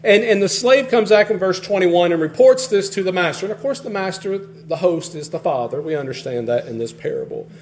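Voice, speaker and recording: A man preaching a sermon in a conversational, animated way, often restarting phrases and swinging between loud and soft. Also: high voice, a little fast, hardly any pauses. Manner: conversational, animated, frequent restarts, varies loudness widely.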